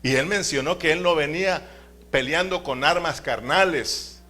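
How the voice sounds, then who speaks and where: A man's voice: on the high side, moderate pace, bright, forceful tone. A man preaching a sermon in a church, emphatic, calling his listeners brothers and asking them to repeat after him.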